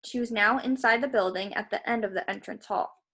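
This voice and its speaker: A woman reads a story with expression, her medium-pitched voice husky and sharp-toned, moving a bit quickly. She also turns aside informally to chat with her listeners.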